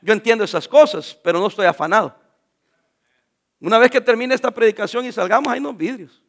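A man's voice: high-pitched, expressive, a little fast, creaky. A middle-aged man preaching a sermon as a pastor, jovial and joking with the congregation.

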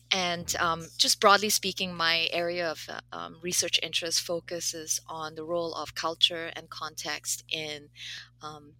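A woman's voice: fairly low pitch, sharp tone, rough recording. A woman professor from Malaysia and Canada talking as an interview guest, thoughtful and hesitant with many fillers. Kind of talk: casual interview conversation.

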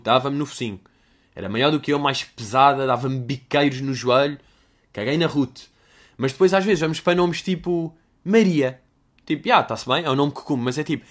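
A man's voice: fairly high pitch, a bit bright. A young man with a European Portuguese accent, answering listener questions in a rambling, crude, jokey comedic monologue.

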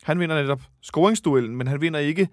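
A man's voice: fairly high pitch, no room sound, studio quality. A man hosting a casual fan chat about a football match, rambling and correcting himself as he goes. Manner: chatty, rambling, self-correcting. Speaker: football podcast host.

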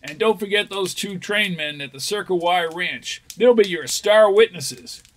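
A man's voice: high voice, measured pace. A man playing a confident, polite young newspaper reporter in a 1940s radio serial. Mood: assured. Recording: noisy vintage 1940s radio recording.

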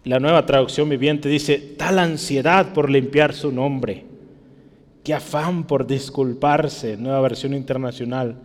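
A man's voice: mid-range voice, steady tone, unhurried, in a large hall. A male pastor preaching a sermon, punctuating his points with "¿verdad?" and climbing to emphatic peaks.

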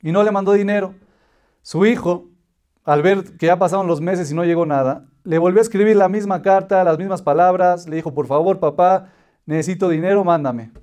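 Man, high voice, religious lesson, patient explaining, repeated listed phrases. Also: brisk, a little mellow. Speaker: Torah teacher. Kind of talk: religious lesson with a told parable.

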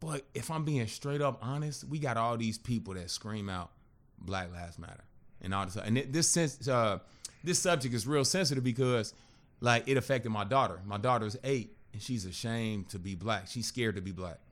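A man in his thirties, a podcast guest telling a personal story in a casual, animated and profane way, acting out what other people said. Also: mid-range voice, moderate pace.

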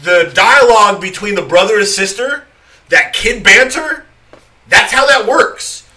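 A man's voice: sits high, measured pace, pushed and bright, recorded from a distance, low-quality recording. A man co-hosting a podcast, chatting casually and explaining his points at length with enthusiasm. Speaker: podcast co-host. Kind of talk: casual chat.

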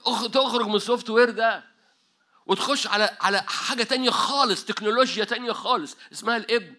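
A man in his fifties with an Egyptian Arabic accent, preaching an animated sermon full of jokes and English loanwords. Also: sits high, fast talker. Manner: animated, joking, mixes English words. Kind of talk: energetic sermon.

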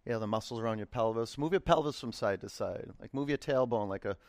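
A man teaching a yoga class, giving unhurried, encouraging and informal instructions, often gently repeating his cues. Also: mid-range voice, no echo, studio quality.

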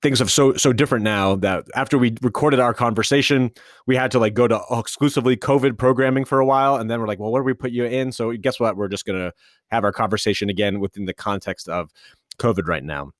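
A man's voice: medium pitch, quick pace, no echo, studio quality. A man hosting a podcast interview, talking in a chatty, rambling way. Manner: chatty, rambling with self-restarts. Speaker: podcast host. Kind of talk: casual interview.

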